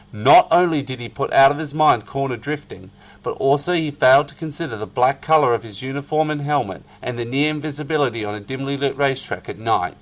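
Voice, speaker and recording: Theatrical man giving a hammy dramatic reading. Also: medium pitch. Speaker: narrator reading an article aloud. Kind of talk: dramatic reading of a written article.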